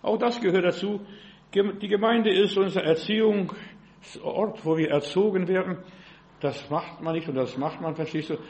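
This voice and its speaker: A man's voice: sits high, fairly even intonation, moderate pace, a little mellow, dull audio. An older man preaching as a pastor, emphatic and peppered with rhetorical questions to his listeners. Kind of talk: sermon.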